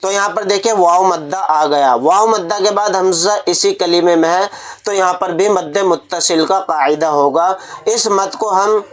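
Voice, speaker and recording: A man's voice: sits high, normal speed. A man teaching Quran reading, spelling out letters one by one and drawing out the long vowels so students can repeat after him. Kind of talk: step-by-step recitation lesson.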